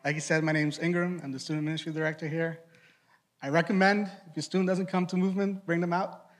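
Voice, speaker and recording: A young man from Trinidad, whose Trinidadian accent carries some Boston influence, delivers a casual youth sermon as a ministry director, keeping it conversational with rhetorical questions and quick asides. His voice is fairly high and flat, with a little hiss or hum in the audio.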